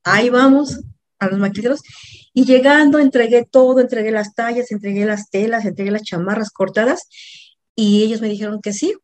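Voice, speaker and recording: A middle-aged coach with a Mexican accent tells a personal story in a lively, anecdotal style, often correcting herself mid-sentence. Her voice is a little high and her pace fairly quick.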